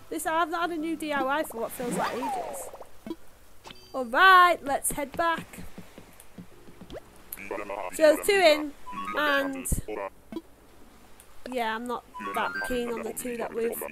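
A young Yorkshire woman talks casually over her game, rambling and filling her sentences with "like". Her voice sits high, and game music plays clearly underneath. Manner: chatty, rambling, lots of "like" fillers. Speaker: gaming YouTuber. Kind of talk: casual gameplay commentary. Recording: music playing behind the voice.

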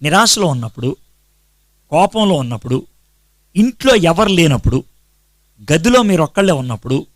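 A man with a high, bright-pitched voice delivers a sermon to a congregation, close and dry with no room echo. He asks his listeners questions, answers them himself, and counts off his points with steady emphasis. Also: moderate pace, pauses often. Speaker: pastor.

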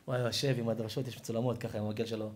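A man, a rabbi, giving an emotional moral sermon, telling stories dramatically and swinging from hushed to shouted. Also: on the low side, level tone, slight background noise.

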